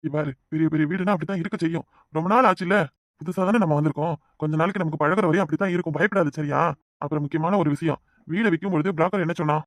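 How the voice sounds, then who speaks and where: A man voicing an impatient young village husband in a cartoon, with a Kanyakumari Tamil accent and a brisk, exasperated manner. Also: fairly high pitch, dry recording, studio quality, close to an everyday voice. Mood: scolding. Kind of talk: cartoon voice acting.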